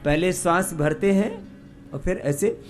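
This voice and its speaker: Slow-chanting male yoga teacher. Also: high-pitched, faint music behind. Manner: slow, drawn-out chanting and call-and-response teaching. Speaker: yoga instructor. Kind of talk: yoga class instruction with chanting.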